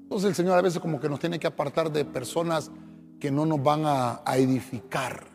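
A man's voice: on the high side, moderate pace, vocal fry, long reverb tail, faint music behind. A man, a pastor from Honduras, preaching a sermon, swelling and dropping his voice and calling his listeners brother.

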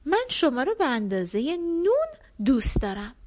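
A woman voicing the eldest princess in a storybook, speaking in an eager, flattering way. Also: sits high, slight background noise.

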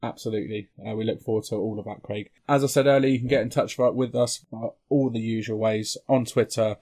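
A man's voice: on the low side, fairly even intonation, a little fast, warm tone. A British man hosting a sports podcast in a chatty, informal way. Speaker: main podcast host. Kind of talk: casual sports podcast chat.

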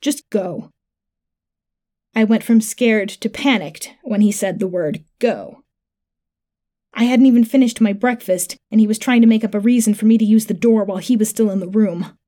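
A woman narrating a first-person sci-fi horror story in a calm, matter-of-fact way. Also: medium pitch, normal speed.

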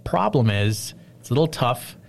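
A man telling a long personal story in casual chat, rambling and animated, full of fillers. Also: mid-range voice, moderate pace, vocal fry, slight background noise.

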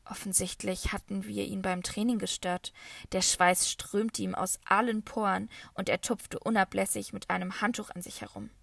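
Woman reading a kids' story, calm and steady, gravelly voice, dry booth sound. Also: mid-range voice, normal speed, dry recording. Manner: calm first-person storytelling. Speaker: audiobook reader. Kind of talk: scripted narration of a children's novel.

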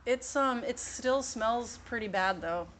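A woman co-hosting a casual chat podcast, giggling often and tossing in quick playful asides. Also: a little high, fairly bright tone, slight background noise. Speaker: podcast co-host.

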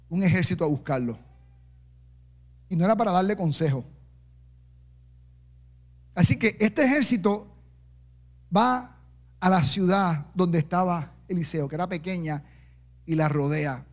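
A man with a strikingly high voice preaches a lively sermon. He slips into voices for the people in his story and drops joking asides to the congregation. He sounds middle-aged and speaks with the easy rhythm of a seasoned pastor. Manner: animated preaching, acting out quoted voices with humorous asides.

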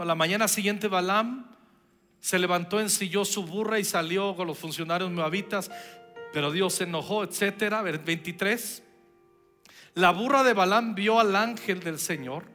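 A man's voice: high voice, sharp tone. A man preaching a sermon as pastor, conversational with playful asides.

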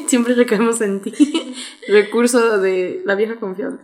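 A woman's voice: on the high side, slow, mellow. A young woman with a Mexican accent, co-hosting a podcast in casual chat, blunt and teasing. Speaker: podcast co-host.

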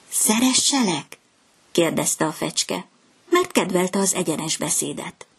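Low, breathy woman telling a fairy tale. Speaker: storyteller. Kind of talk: reading a fairy tale aloud.

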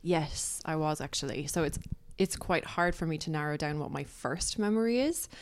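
An Irish woman with a low voice talks casually as a podcast guest. She chats freely and thinks aloud as she goes. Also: expressive, moderate pace. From Ireland. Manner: chatty, thinks aloud with fillers. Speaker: guest, makeup artist. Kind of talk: casual interview talk.

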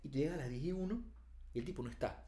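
A man's voice: fairly high pitch, rapid-fire, warm tone, roomy sound. A Venezuelan man co-hosting a casual podcast chat, blunt and slangy, swearing freely. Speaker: podcast co-host.

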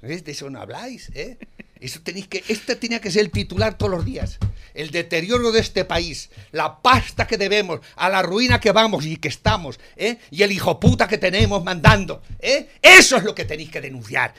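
Ranting Spanish man, high bright voice. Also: lively intonation, faint music behind. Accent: Spain Spanish. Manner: ranting, swearing, filling pauses with a questioning "eh"; swings from muttered disgust to shouting. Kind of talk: heated political chat.

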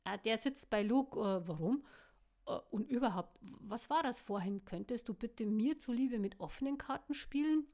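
A woman's voice: on the high side, animated, moderate pace, warm tone. A woman voicing a busy young barmaid who speaks in a raised, pleading voice.

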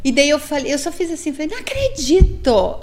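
High-voiced Brazilian woman telling her story. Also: very fast, a little hiss or hum. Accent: Brazilian Portuguese. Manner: animated, quotes others' words in voices. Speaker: interview guest. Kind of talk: candid personal storytelling.

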